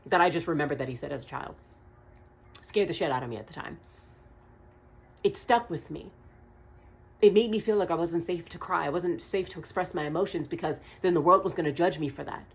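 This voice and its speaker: This is a spiritual vlog monologue from a woman tarot reader passing on a channeled message, speaking earnestly and emphatically, going over her points again and throwing in casual swears. Her fairly low voice carries vocal fry and a slight roughness, and the recording sounds muffled.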